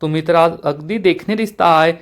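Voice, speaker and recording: A man's voice: fairly high pitch, normal speed, close to an everyday voice. A man voicing a teasing, fond elderly grandmother.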